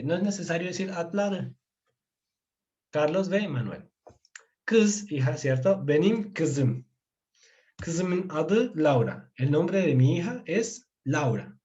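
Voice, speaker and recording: A man giving a relaxed, casual language lesson, explaining slowly and sounding out words bit by bit. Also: on the high side, dull audio. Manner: relaxed, chuckles now and then. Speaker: Turkish language teacher.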